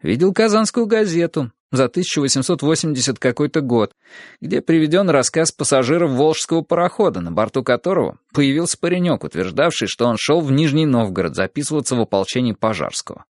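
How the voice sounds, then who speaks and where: A man reading an audiobook in lively first-person storytelling. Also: medium pitch, fast talker, no echo, clean studio sound. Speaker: audiobook narrator.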